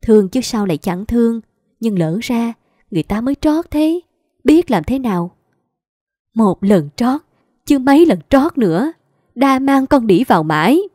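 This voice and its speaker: A woman reading aloud voices a sullen, gruff middle-aged husband who grumbles and curses in an offhand drawl. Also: a little high, expressive, normal speed, dark tone, no room sound, studio quality. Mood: gruff grumbling.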